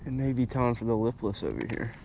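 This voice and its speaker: A young man talking casually as he fishes from a small boat on a lake, getting excitable when a fish bites. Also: medium pitch, quick pace, creaky. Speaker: angler filming his fishing trip. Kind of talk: casual fishing vlog chat. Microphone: head-mounted action camera. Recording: noisy outdoor action-camera audio. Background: steady outdoor noise of wind and water.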